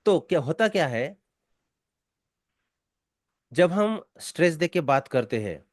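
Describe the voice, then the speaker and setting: A man's voice: a little high, big pitch swings, slow, no echo, clean studio sound. An Indian man teaching spoken English, explaining in a mix of Hindi and English and repeating his key points.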